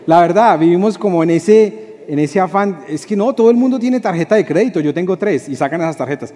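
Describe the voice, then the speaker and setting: Youth pastor in a reverberant hall. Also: male voice, sits high, a little fast. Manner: lively, joking, acts out dialogues. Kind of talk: youth sermon.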